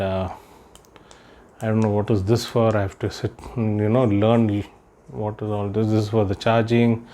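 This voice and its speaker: In a room with a patterned rug, a man from India records a laid-back unboxing vlog, filling his musings with plenty of fillers while handling the item. He has a lowish, slightly mellow voice, with a bit of hiss or hum on the audio.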